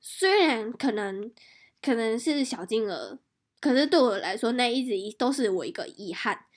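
Female podcast host, slightly high-pitched, animated casual storyteller. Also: normal speed. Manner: animated storytelling with restarts and laughter.

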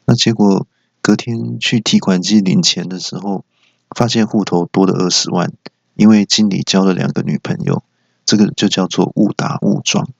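A man hosting a comedy podcast, telling a joke monologue in a deadpan storytelling manner, recorded slightly dull and lo-fi. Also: deep voice, moderate pace, creaky, slightly rough, no room sound. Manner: deadpan storytelling, explains his own jokes. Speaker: stand-up comedy podcast host.

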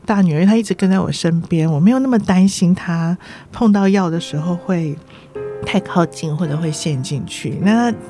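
A middle-aged woman with a Taiwanese Mandarin accent, a nursing director guesting on a podcast, telling lively stories, acting out dialogue and laughing often. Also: on the low side, fairly quick, soft background music. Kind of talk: podcast interview.

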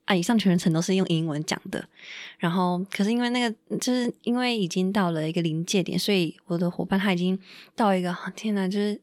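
A woman's voice: on the low side, fast, a little mellow, dry recording, clean studio sound. A woman telling a personal story on a podcast, emotional and full of fillers and quoted dialogue. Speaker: podcast guest. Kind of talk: casual storytelling.

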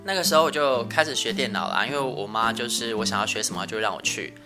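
A male podcast host with a soft, thin voice, chatting casually and laughing often with light self-mockery. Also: mid-range voice, quick pace, soft background music. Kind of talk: casual family chat.

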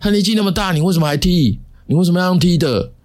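An outraged dog owner, put on by a man telling the story, shouting accusations. The voice jumps far above the teller's own, thin and strained with indignation. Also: sits high, very fast, voice pushed up, close to an everyday voice.

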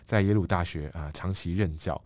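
A deep, low-pitched man with a Taiwanese Mandarin accent talks through ideas as an interview guest. He is measured and thoughtful and pads his sentences with "ah" fillers. The sound is close and dry, with no room around it. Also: a little mellow, dry recording. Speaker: guest, book editor-in-chief. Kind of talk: explanatory interview talk.

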